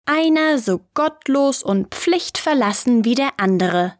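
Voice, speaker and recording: A woman voicing an angry old tailor in a fairy tale, scolding sternly and slowly. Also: high-pitched, lively intonation.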